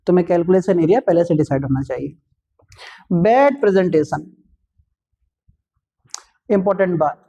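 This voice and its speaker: A man who teaches physics, giving exam tips in a relaxed classroom talk, repeating each point and joking with students. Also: sits high. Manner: chatty, repeats each point, calls students "bhai", light jokes.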